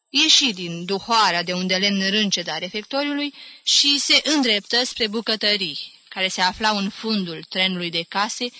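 A woman narrating a literary audiobook in a measured, clear storytelling manner. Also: mid-range voice, pushed and bright. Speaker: audiobook reader.

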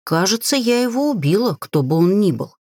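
A woman voicing a brash, jumpy young witch heroine who yells and talks back defiantly. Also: medium pitch, big pitch swings, fairly quick, dry recording, studio quality. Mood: wary. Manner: yelling, defiant.

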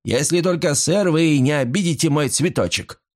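A loyal, outspoken old servant woman from a storybook reading, sharp-tongued and forever calling on God, as a man acts her out. She talks up high and bright, with lots of movement in her voice. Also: animated, moderate pace, close to an everyday voice. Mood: protective. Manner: bold, pious exclamations. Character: old outspoken female housemaid, pious and loyal.

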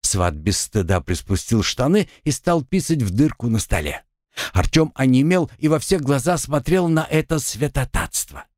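A man narrating a fiction audiobook with expressive storytelling. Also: mid-range voice, moderate pace, no echo, clean studio sound. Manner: expressive storytelling with acted dialogue.

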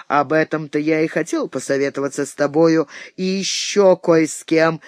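A man's voice: high voice, no echo, clean studio sound. A man voicing a boastful, mocking old lord of a castle in a read-aloud historical novel. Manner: teasing, jovial.

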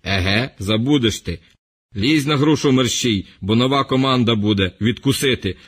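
A man's voice: medium pitch, moderate pace, slight background noise, natural voice. A man voicing a mocking cocky ex-sailor. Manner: dry mocking commands.

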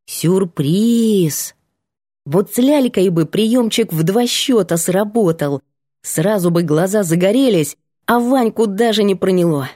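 A woman narrating an audiobook in the first person, with lively, playful storytelling. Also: medium pitch, normal speed, no echo, clean studio sound.

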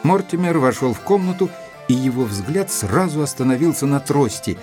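An actor playing a composed, observant male doctor who narrates a detective story in an audio drama, in a measured, descriptive way. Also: mid-range voice, animated, lightly acted. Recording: instrumental music under the voice.

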